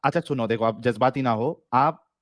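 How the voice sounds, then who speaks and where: A man's voice: medium pitch, normal speed, no room sound, studio quality. A man moderating an online debate, making firm but polite requests for order.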